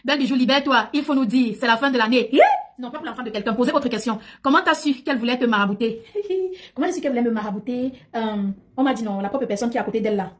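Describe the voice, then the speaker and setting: Rapid-talking woman streamer. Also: fairly high pitch. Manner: talkative, emphatic, repeats phrases. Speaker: livestream host. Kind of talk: casual livestream chat.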